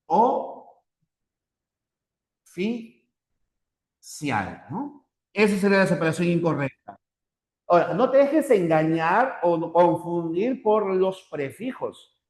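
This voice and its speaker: A man's voice: a little high, a little mellow, roomy sound. A man teaching a language class, explaining step by step, repeating points and checking in with short tag questions. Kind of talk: online class lecture.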